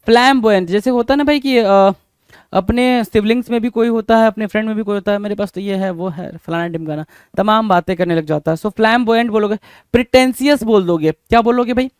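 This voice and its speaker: A man's voice: extremely high pitch, fairly quick, clear, resonant tone, no echo, clean studio sound. A man with an Indian accent, a Hindi speaker, teaches English vocabulary for exam prep and keeps asking rhetorical questions, calling the viewers "bhai".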